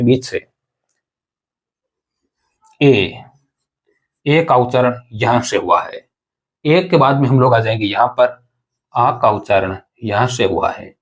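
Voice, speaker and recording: A man with an ordinary mid-range voice teaches an exam-prep grammar lesson. He talks his students through each point and repeats it. He poses a question and answers it himself. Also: mid-range voice. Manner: explanatory, repeats and asks rhetorical questions, addresses students as companions.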